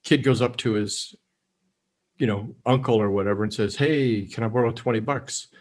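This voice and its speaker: A middle-aged man from Canada, a guest in a casual interview, speaking calmly and telling stories. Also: mid-range voice, normal speed. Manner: calm, even-keel storyteller who drops in quoted lines. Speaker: guest, negotiation expert.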